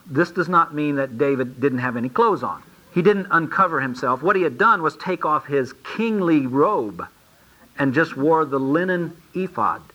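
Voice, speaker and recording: Bright-voiced man preaching a sermon. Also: medium pitch, poor audio. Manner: explains scripture in plain, folksy asides; reads verses aloud, then comments. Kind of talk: sermon, Bible teaching.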